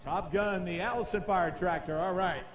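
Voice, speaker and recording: A man as a tractor pull announcer, repeating names with drawn-out showmanship for a live crowd. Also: high voice. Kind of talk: live event announcing to fans. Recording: dull, echoing arena PA.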